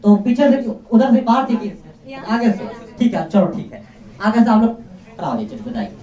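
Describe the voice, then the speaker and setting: A man's voice: very high voice, big pitch swings, moderate pace, warm tone. A man teaching a class, quizzing students and firmly repeating each of their answers back to them. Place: classroom indoors. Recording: echoey, distant, dull classroom recording.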